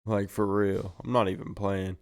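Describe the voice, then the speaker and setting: A man's voice: fairly low pitch, flat delivery, moderate pace, a little mellow, smooth. A tired young man co-hosting a podcast, chatting casually and rambling, with plenty of swearing. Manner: laid-back, heavy swearing, rambling. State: tired, yawning. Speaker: podcast co-host. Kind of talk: casual chat.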